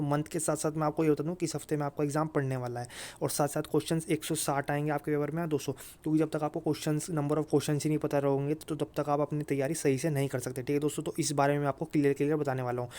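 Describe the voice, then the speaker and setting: Pitched on the high side and darkish in tone, this North Indian-accented man runs an exam-update YouTube channel. His informal explanations to viewers are repetitive and insistent, sprinkled with English words.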